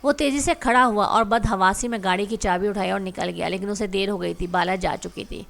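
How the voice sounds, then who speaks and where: A woman narrating a romantic drama story aloud in a steady reading voice. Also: mid-range voice, creaky.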